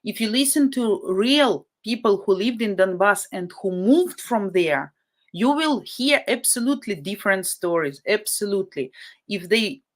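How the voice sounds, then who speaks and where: With lively intonation and a mid-range voice at normal speed, a live stream host from Ukraine talks casually but bluntly and indignantly, frequently repeating herself for emphasis. She is a native Russian speaker with a Ukrainian-Russian accent.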